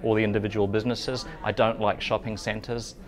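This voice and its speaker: A man's voice: fairly low pitch, little pitch movement, a little fast, faint music behind. A man speaking in an upbeat way, listing what he loves, in a street interview. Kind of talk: vox pop interview.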